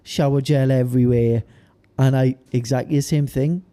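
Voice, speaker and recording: This podcast co-host and amateur bodybuilder is a young Welshman from the South Wales valleys, speaking with a Valleys accent. He trades anecdotes in a casual, blokey, slangy manner. His medium-pitched voice is mellow and steady, at a normal speed.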